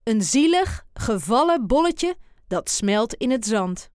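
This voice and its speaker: A woman reading a children's picture book aloud in an expressive, deliberate way. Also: on the high side, slight background noise. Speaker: storyteller.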